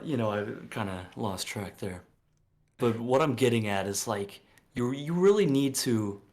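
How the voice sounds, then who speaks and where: A man in his late twenties co-hosting a podcast in casual chat, blunt and preachy, swearing freely, with lots of fillers. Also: mid-range voice. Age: late 20s. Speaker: podcast co-host.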